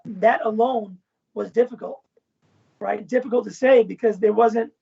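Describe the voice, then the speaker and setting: A man with a strongly gravelly, husky voice that sits fairly high for a man. He talks as an interview guest, loose and expansive, leaning on "right?" and "you know". The audio comes through a muffled, lo-fi call. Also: darkish tone. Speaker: guest, former event manager and professor. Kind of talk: casual interview talk.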